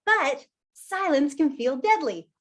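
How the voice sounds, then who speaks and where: Lively woman presenting on a video call. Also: sits high, slow. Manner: lively and conversational, laughs often; talks while standing and gesturing. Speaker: workshop presenter. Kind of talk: live online presentation.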